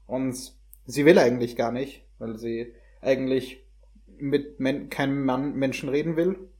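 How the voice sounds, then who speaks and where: Speaking unhurriedly in a steady, mid-range voice with a dark tone, this young man hosts a relaxed film review. He searches for his words and mixes English slang into his hesitant phrasing.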